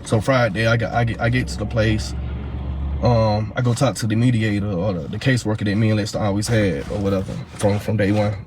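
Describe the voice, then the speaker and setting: A man's voice: lowish voice, fairly even intonation, background noise. A man retells, in a casual and heated way, how he searched for his missing daughter's mother, repeating himself often. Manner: fast, heated retelling full of fillers and repeats. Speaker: father of a missing woman's child. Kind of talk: casual storytelling.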